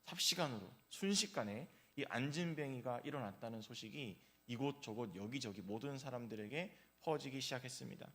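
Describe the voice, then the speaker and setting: Korean pastor telling a story. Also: male voice, mid-range voice, lively intonation, fairly quick, hardly any pauses, a bit bright. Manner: storytelling, vivid retelling with rising emphasis. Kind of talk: sermon.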